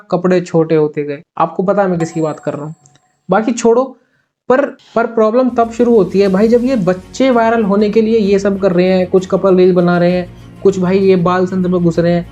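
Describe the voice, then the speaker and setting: A man's voice: sits high, a little mellow, muffled recording. A young man hosting his own video channel, giving his opinion in a casual, earnest and chatty way, and often calling his listeners "brother". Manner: earnest, chatty, constantly says "bhai". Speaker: YouTube reaction host.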